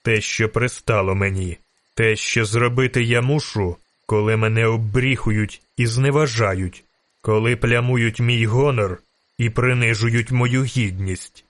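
Proud knight, grave and measured, read by a man; dry close sound. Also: medium pitch, steady tone, dry recording, close to an everyday voice.

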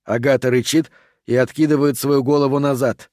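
A man narrating a horror audiobook in an even, steady reading voice. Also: medium pitch, a little fast, no echo, studio quality.

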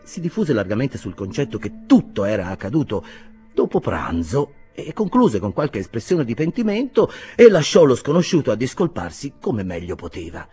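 A man narrating a classic novel aloud in a theatrical, expressive reading. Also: mid-range voice, moderate pace, husky, faint music behind. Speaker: audiobook narrator. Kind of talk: scripted narration, literary reading.

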